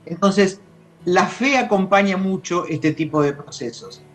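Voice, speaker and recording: A woman with an Argentine accent speaking as a grief specialist in an interview, measured and reflective, pausing to find her words. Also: fairly low pitch, faint music behind. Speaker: grief specialist guest on a talk show. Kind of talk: explanatory interview talk.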